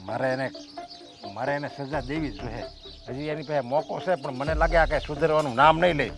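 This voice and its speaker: A man's voice: fairly high pitch, a little fast, close to an everyday voice. An actor playing a proud, domineering village headman who talks in a stern, commanding way. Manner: stern, commanding, pronounces sentences. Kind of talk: village family stage drama.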